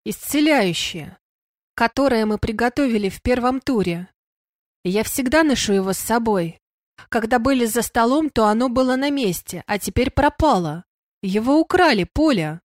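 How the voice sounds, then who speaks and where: A woman's voice: a little high, animated, normal speed, dry recording, clean studio sound, natural voice. A woman reading the part of a confident, affectionate young male werewolf in an audiobook, speaking eagerly and with emphasis. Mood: earnest. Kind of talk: audiobook character voice.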